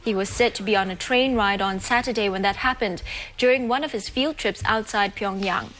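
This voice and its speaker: A woman anchors a news bulletin, reading from a script. Her voice sits at a middle pitch as she delivers reports and hands over to correspondents. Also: fairly quick, fairly bright tone.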